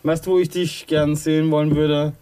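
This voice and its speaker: A man, co-hosting a podcast, joking around in quick casual banter. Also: a little high, flat delivery, dark tone, smooth. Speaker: podcast co-host. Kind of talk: casual chat.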